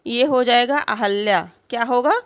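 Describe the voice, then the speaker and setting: A woman teaching grammar for exams, who explains slowly, poses questions and answers them herself, and keeps checking in with her students. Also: a little high, fairly bright tone, dry recording. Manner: frequent "है ना" check-ins and "अ" fillers. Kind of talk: exam-prep grammar lesson.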